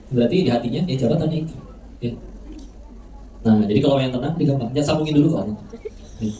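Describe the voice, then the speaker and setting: Male preacher, mellow tone, conversational and playful lecture style, roomy distant hall sound. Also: mid-range voice, fast talker, a little hiss or hum. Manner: conversational, asks the crowd questions, frequent "ya". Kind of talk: lively religious lecture with jokes and audience questions. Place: mosque hall. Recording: echoey hall, mic heard from a distance.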